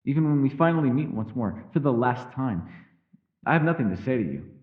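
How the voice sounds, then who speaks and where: Over phone-quality audio, a man with a mid-range voice and lively intonation plays a mysterious, powerful elf who keeps his secrets, in a lightly acted fantasy ASMR roleplay. His speech is measured, formal and old-fashioned, alternating between teasing and world-weariness. He sounds weary and brooding.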